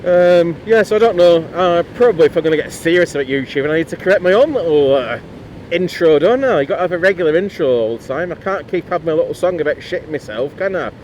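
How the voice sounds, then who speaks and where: A man's voice: a little high, expressive, fast talker, a little mellow. A middle-aged man from Lancashire with a Northern English accent, a motorcycle vlogger rambling bluntly while riding outdoors in the cold. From Lancashire, England. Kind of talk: casual talk while riding. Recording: faint road and traffic noise.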